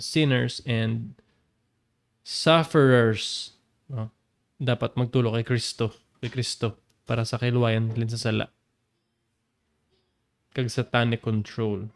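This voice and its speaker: A man teaching a Bible passage, animated and laughing often, jumping up in pitch to stress a point. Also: vocal fry, clean tone. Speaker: preacher.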